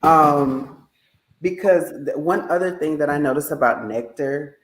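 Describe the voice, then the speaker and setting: Here a podcast host gushes through a relaxed interview, speaking straight to the audience between exchanges with the guest. Their mid-range voice moves a little slowly, and the room gives the audio a noticeable echo.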